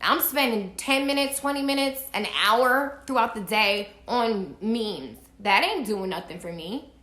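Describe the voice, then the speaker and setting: A woman with a bright, fairly high voice talks straight to her viewers from home, giving emphatic spiritual advice in a preachy tone. She swears casually as she goes, and the room around her is echoey. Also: expressive, a little slow. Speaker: astrology vlogger. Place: indoors at home.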